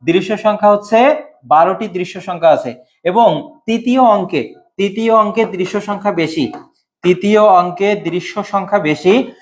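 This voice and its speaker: High-voiced male Bengali lecturer. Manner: quizzes students, repeats answers, waits for comments. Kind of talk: online exam-prep lesson.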